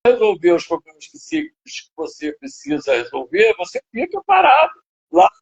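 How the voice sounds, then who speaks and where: An older man with a Brazilian Portuguese accent rambles through a lecture-like answer, full of fillers and tag questions. His voice is gravelly and husky, and it swings up high. The web stream audio sounds dull and lo-fi. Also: big pitch swings, moderate pace. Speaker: psychoanalyst guest. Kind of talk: live interview, lecturing. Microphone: video call.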